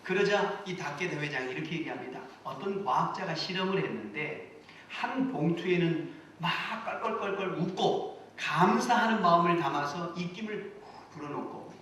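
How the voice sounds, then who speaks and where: A man preaches with earnest conviction, building to emphatic calls to his congregation. His voice sits a little high for a man. The recording is distant and bathed in heavy church reverb, with faint noise underneath. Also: expressive, normal speed, a bit bright. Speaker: senior pastor. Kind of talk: sermon. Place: church sanctuary. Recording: echoey church hall, mic at a distance.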